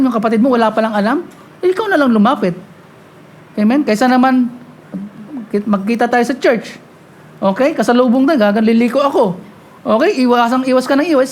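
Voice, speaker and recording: A woman preaching a sermon, talking quickly and often asking the congregation "Amen?". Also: on the high side, darkish tone, a little hiss or hum. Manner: mixes Tagalog and English, frequent call-and-response "Amen?"; talks fast at times.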